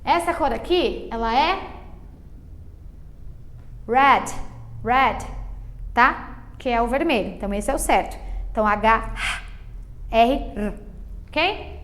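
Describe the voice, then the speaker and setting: A Brazilian woman with a Brazilian Portuguese accent, an English teacher giving a beginners' lesson, explaining slowly and checking in with "ok?" and "tá?" after each point. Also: on the high side, animated, a bit bright. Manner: patient, drawn-out explanations full of diminutives and check-ins like "ok?".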